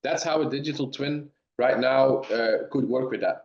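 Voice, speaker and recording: Fielding webinar questions via remote call, a dairy science professor from Belgium stops and restarts often as he speaks. He has a medium-pitched voice, captured in dull, roomy lo-fi audio.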